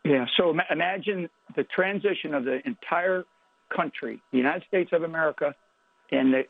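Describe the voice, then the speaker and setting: A man speaking as an interview guest over a phone line, halting and emphatic, with many restarts. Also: fairly high pitch, no echo. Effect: heard over a phone line. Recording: tinny dry phone line.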